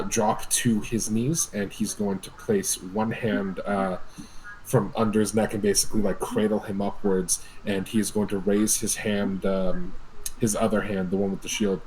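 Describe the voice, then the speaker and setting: A man player in a tabletop game, deliberately describing his character's actions. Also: lowish voice, flat delivery, a little mellow, a little hiss or hum, rough recording.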